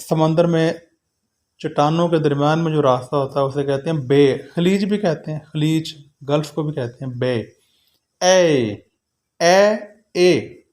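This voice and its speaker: A man with a Pakistani accent teaching a phonetics lesson, slowly repeating vowel sounds and words for students. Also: on the high side, darkish tone. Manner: slow, drawn-out repetition of vowel sounds.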